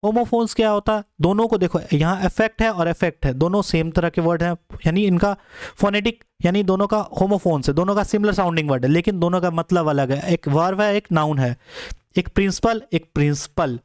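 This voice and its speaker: A man's voice: sits high, fairly quick, clear, resonant tone, dry recording, clean studio sound. A young man teaching spelling for exams, explaining step by step and spelling words out letter by letter. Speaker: exam English teacher. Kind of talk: classroom lecture.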